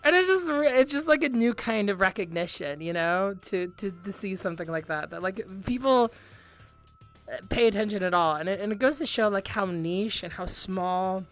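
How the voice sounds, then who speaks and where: A woman's voice: medium pitch, moderate pace, soft background music. Bubbly young woman, cute anime-streamer style. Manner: excitable, giggly, rambling. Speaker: music streamer, VTuber. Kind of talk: casual livestream chat with viewers.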